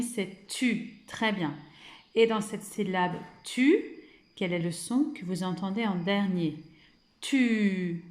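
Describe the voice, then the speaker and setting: A woman's voice: mid-range voice, roomy sound. A woman teaching young children remotely, stretching out words and syllables and praising often, with a French accent. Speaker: kindergarten teacher.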